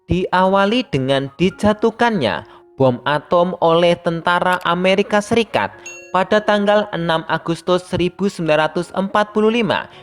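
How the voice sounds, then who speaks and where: Brief: steady, even-toned teacher voice reading a primary school lesson aloud, faint music underneath. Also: mid-range voice. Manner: reads steadily, addressing pupils as younger siblings. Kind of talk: scripted lesson narration.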